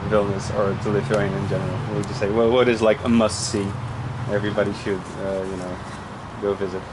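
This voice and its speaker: A man's voice: lowish voice, flat delivery, fast. A young man with a Polish accent interviews and shares in casual, informal, hesitant conversation. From Poland. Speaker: interviewer, traveler. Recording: clear outdoor street noise.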